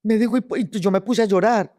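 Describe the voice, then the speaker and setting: A woman's voice: medium pitch, brisk, mellow, no room sound, studio quality. A Colombian woman telling her story as an interview guest, vivid and full of restarts and repeated words. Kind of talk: personal testimony in an interview.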